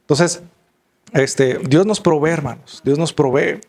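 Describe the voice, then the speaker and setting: A man's voice: fairly high pitch, a little slow, a little mellow. A man preaching a sermon in an earnest, conversational way. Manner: conversational, earnest, repeats "hermanos" and "¿verdad?".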